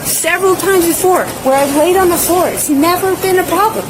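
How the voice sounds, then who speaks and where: A woman's voice: extremely high pitch, fairly quick, over a noisy crowd. A woman from Canada, a drunk and unruly airline passenger, arguing in a rambling, repetitive way. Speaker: airline passenger denied boarding. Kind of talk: heated argument with police. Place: busy airport gate area, bodycam pickup. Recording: noisy busy airport, bodycam audio.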